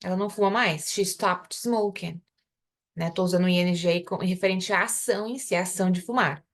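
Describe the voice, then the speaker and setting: A young adult woman with a Brazilian Portuguese accent teaches an English lesson live online, speaking in a lowish voice with fairly even intonation. She explains in Portuguese and pronounces the English example phrases slowly and carefully.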